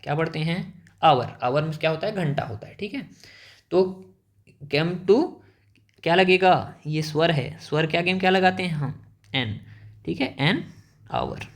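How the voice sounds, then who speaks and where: A young man teaching an exam-prep grammar lesson, explaining step by step and asking quick check questions. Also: on the high side.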